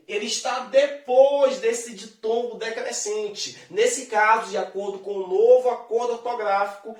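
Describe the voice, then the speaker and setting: A man teaches a grammar lesson in a friendly, chatty way, pulling the listener along as he goes. He draws out the key words as he explains them. His voice is picked up from some distance and rings in a roomy, echoing space. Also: very high voice. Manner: lively and chatty, addresses the viewer directly, draws out example words. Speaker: Portuguese teacher. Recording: echoey room, distant mic.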